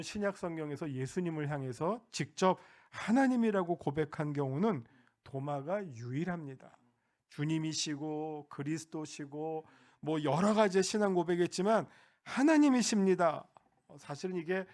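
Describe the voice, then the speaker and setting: A pastor preaching a Sunday sermon, talking directly to the congregation in a conversational way with frequent hesitations. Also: male voice, a little high, darkish tone.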